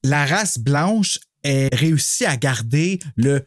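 A man with a Quebec French accent talks bluntly about a movie, swearing freely and joking. His voice sits somewhat high for a man. The sound is dry and close, with no room echo. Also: expressive, slow. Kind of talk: casual film discussion.

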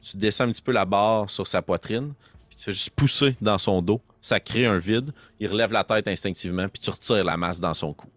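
A man's voice: on the low side, a little fast, fairly bright tone, no room sound. A young man narrating a tabletop game as game master, with vivid storytelling and sound effects.

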